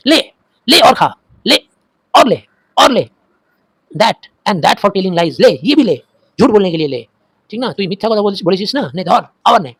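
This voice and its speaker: A man acts out an angry young village boy in a told story, his voice raised and rushed as he protests. The pitch sits a little high, and the sound is dry and close. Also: sing-song, creaky, breathy edge, no echo, heavily acted. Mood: furious. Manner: loud and hurried, protesting.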